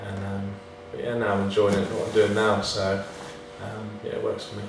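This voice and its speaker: A footballer in a casual interview chat talks at normal speed, his fairly low voice completely flat. His replies are hesitant and self-effacing, playing himself down. The recording comes from a distant microphone in a very echoey room, with faint noise.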